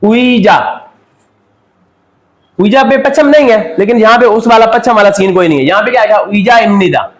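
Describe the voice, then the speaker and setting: A man with a high voice teaches a Korean language lesson, constantly asking the class questions and supplying the answers. The recording carries a roomy echo from the classroom. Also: fairly quick. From Pakistan. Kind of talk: classroom lecture.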